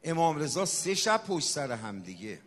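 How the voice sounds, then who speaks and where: A man preaching a sermon, swinging from shouted exhortation to soft, hushed storytelling. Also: on the high side, big pitch swings. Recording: long hall reverb.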